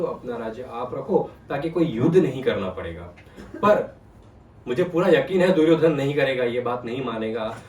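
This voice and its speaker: A man giving a devotional discourse, retelling scripture and asking his listeners questions. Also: medium pitch. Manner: animated, asks the audience questions. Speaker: spiritual storyteller. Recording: roomy sound from a distant mic.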